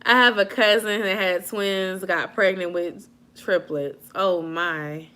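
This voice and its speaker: A woman in her late twenties chats casually with live viewers from home, reading and answering their comments. Her medium-pitched voice takes things slowly, yet she is animated and slangy and laughs a lot.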